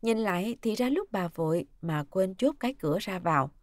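A woman narrating a dramatic story in an expressive, scripted reading. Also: mid-range voice, a little fast, no room sound.

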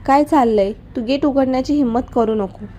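A woman's voice: sits high, moderate pace, mellow, a little hiss or hum, close to an everyday voice. A woman voicing a bitter widowed mother who angrily confronts the man who killed her husband. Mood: angry. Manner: angry, accusing.

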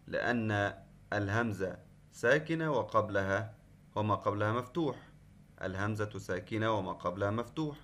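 A man's voice: fairly low pitch, heavy background noise. A man teaching an online class lesson, patient, explaining step by step and repeating key points. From Qatar. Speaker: Arabic teacher.

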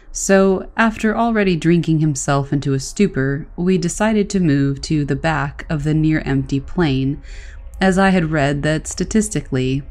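A woman reading stories aloud as a narrator, in a calm, even storytelling manner. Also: low-pitched.

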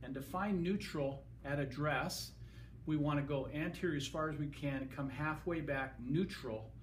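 A man's voice: on the high side, normal speed, slight background noise. A middle-aged man working as a clinician gives a demonstration lesson in his clinic room and directs the camera operator as he goes. He is recorded on a camera mic a few feet away.

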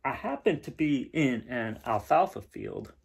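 In a small room at home, a man in his thirties casually presents and reads a storybook aloud to camera. His medium-pitched voice is gravelly with a breathy edge, very animated, and measured in pace.

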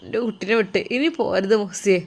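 A woman narrator plays an elderly father in a storybook tale. He speaks softly and low, pleading and tender, on the edge of tears. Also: quick pace, close to an everyday voice. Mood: tender, tearful.

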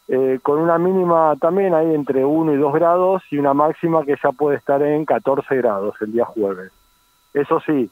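A man's voice: fairly high pitch, dry recording. An Argentine man giving a conversational weather report as a forecaster calling in to a radio programme. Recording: thin, phone-like radio call.

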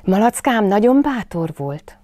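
A woman's voice: very animated, mellow, no room sound, natural voice. A woman voicing a small young male kangaroo who is lost and clings to his friend. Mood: excited. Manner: high, pleading childish voice.

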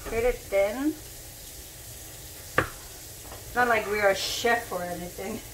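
A woman's voice: medium pitch, slow, noisy background. A young woman chatting casually while cooking in her home kitchen, easygoing and self-deprecating, recorded on a phone camera. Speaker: home cook. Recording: loud frying and sizzling behind.

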